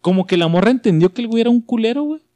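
A man's voice: very high voice, expressive, rapid-fire, mellow, no room sound. A young man with a Mexican accent telling slangy stories in a casual chat, acting out the people he quotes. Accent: Mexican Spanish. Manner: slangy storytelling, acts out quoted voices.

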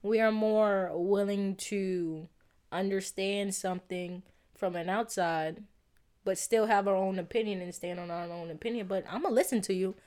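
A woman's voice: medium pitch, steady tone, normal speed, darkish tone. Plainspoken woman co-host. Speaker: podcast co-host. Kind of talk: casual chat.

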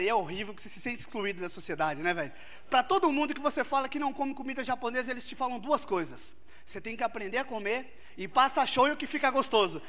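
High-voiced man doing stand-up. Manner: loud storytelling to a laughing audience. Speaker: stand-up comedian. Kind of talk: stand-up comedy routine. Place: comedy stage with live audience. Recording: live stage recording with loud crowd noise.

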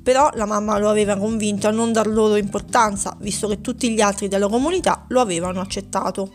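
A woman narrating a children's story in a steady, gentle storytelling manner. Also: mid-range voice, fast, faint music behind.

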